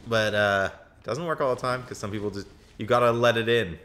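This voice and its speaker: Bright-voiced young man explaining the game. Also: on the low side, fairly quick. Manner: explains game lore, excitable shouts mid-play. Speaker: co-host of a gaming channel. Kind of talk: casual let's-play commentary.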